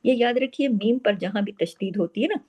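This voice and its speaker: A woman teaching Quran recitation rules, explaining step by step and then reciting words slowly and drawn out. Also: medium pitch, a little mellow, husky. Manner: asks the listener quick questions and answers them herself. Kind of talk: tajweed lesson with slow demonstrated recitation.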